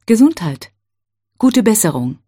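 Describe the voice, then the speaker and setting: Female teacher, mellow voice, unhurried drill reading with careful gaps between phrases. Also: medium pitch, sing-song. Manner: slow, careful, clearly spaced phrases. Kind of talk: reading set phrases for learners.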